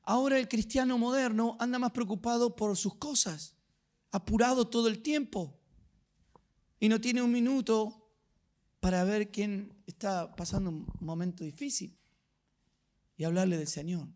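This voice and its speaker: A man's voice: high-pitched, unhurried, long pauses, a little mellow. A middle-aged man with an Argentine accent preaching a sermon, telling stories and asking rhetorical questions. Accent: Rioplatense Spanish. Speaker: pastor.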